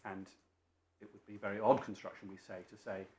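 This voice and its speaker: A British man making formal legal submissions as a barrister, deferential and learned, often halting and repeating his phrases. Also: lowish voice, flat delivery, warm tone. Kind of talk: formal courtroom legal argument. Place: indoor courtroom. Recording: echoey courtroom with faint background noise.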